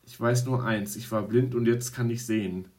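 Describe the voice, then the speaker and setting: A man's voice: medium pitch, steady tone, normal speed, darkish tone, lightly acted. A man reading as an indignant healed blind man. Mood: plain.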